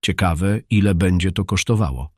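Brief: man doing a grumbling poor farmer, low dry voice, storybook reading. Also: normal speed, no room sound. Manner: grumbling complaint.

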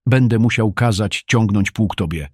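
A man voicing Kish, an irate older landowner who shouts at his son with scorn. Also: lowish voice, normal speed, dry recording, studio quality, close to an everyday voice. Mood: angry scornful.

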